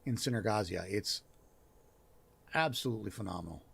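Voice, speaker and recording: A man's voice: on the low side, animated, vocal fry, fairly bright tone, slightly rough. A man hosting a live help stream, chatting casually and thinking aloud as he looks over work on his screen. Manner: thinks aloud, pausing and restarting as he reads. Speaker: host of a writing and worldbuilding help stream.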